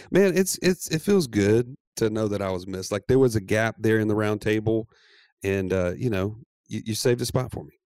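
A man co-hosting a podcast, telling stories in a lively, casual way and laughing often. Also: on the low side, normal speed, no room sound, studio quality. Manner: animated storyteller, laughs often. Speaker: podcast co-host. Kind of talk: casual chat.

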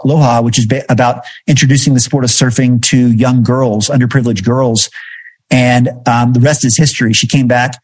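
A man's voice: mid-range voice, slightly rough. A man in a podcast interview, telling a story in a reflective way with frequent fillers. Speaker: podcast host and guest. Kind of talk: conversational storytelling.

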